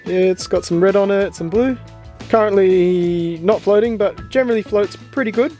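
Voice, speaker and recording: Guy doing a goofy kiwi accent, laid-back boatyard bro rambling on, voice kinda high. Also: moderate pace, soft background music, close to an everyday voice. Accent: put-on New Zealand. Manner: relaxed, rambling, calls people bro. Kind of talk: comic impression in a vlog.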